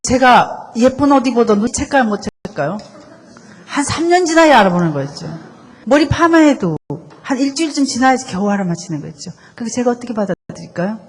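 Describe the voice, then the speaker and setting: A woman's voice: fairly high pitch, expressive, fairly quick, breathy edge. A woman co-leading a lecture on marriage, telling wry stories about her husband and asking rhetorical questions. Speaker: co-lecturer, speaker's wife. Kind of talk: lecture with personal anecdotes. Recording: reverberant hall.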